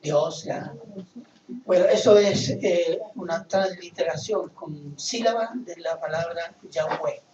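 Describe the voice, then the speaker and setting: A man preaching a sermon, asking rhetorical questions and rising into loud emphasis. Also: a little high, slow pace, roomy sound, far from the mic, highs cut off, slight background noise. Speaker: pastor.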